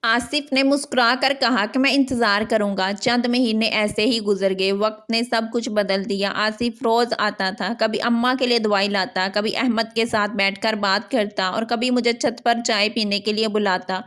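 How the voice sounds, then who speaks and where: Female storyteller, slightly high voice, steady scripted first-person romance narration. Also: few pauses.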